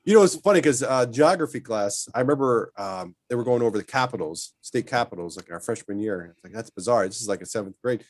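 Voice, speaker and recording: A man telling lively stories as a guest in a casual chat, often laughing as he talks. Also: medium pitch, quick pace, few pauses, no room sound. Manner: animated storyteller, laughs while telling stories.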